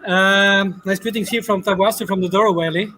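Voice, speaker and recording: High-voiced Austrian chef, flat delivery. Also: male voice, normal speed, a crowd in the background, low-quality recording. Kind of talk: online panel introduction.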